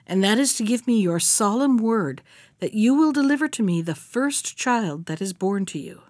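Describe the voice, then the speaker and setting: A woman's voice: mid-range voice, animated, normal speed, darkish tone, dry recording, natural voice. Mermaid making a deal, storybook read-aloud, dry close sound, lady reading it. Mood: bargaining. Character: bargaining female sea mermaid.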